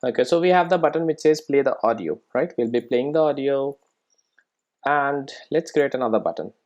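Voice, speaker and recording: The audio is dull as a software tutorial presenter with a medium-pitched voice explains things step by step. The delivery is informal, with frequent check-ins with the listener.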